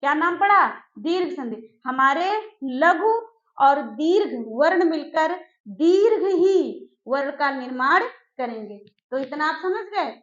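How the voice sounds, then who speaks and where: Slow, echoey woman teacher, repeating terms. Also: sits high, expressive. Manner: slow, repeats key phrases and asks the class questions. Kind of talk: exam-prep grammar lesson. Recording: echoey room, dull lo-fi sound.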